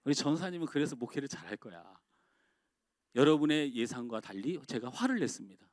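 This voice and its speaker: In a church sanctuary, a middle-aged male pastor preaches, drawing in the congregation with rhetorical questions and swinging from raised exclamations to quiet, dropped phrases. His medium-pitched voice is brisk with big pitch swings. The recording is studio quality with no echo.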